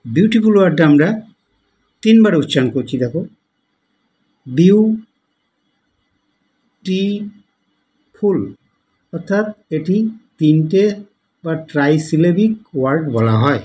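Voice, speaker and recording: A man teaching English grammar to students, explaining slowly, spelling words out letter by letter and asking the class questions. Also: on the high side, lively intonation, a little mellow, low-quality recording. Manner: spells words letter by letter, repeats forms patiently; asks the class questions to guide them. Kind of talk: slow explanatory lesson.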